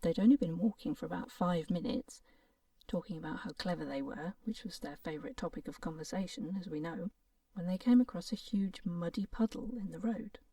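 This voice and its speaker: Soft-spoken woman reading a fairy tale. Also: on the low side, fairly quick, dry recording. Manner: gentle and playful, often half-whispered. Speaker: storyteller. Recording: voice a little distant from the mic.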